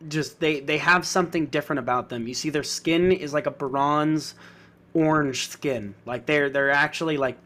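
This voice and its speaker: A man's voice: a little high, a bit bright. A man narrating a tabletop game as game master, rambling with many fillers and restarts.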